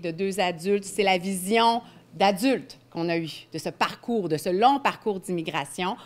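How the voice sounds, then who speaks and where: A woman hosting a public launch event, introducing guests and calling up students in a measured, formal way. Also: medium pitch. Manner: measured, announcing names. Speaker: event host.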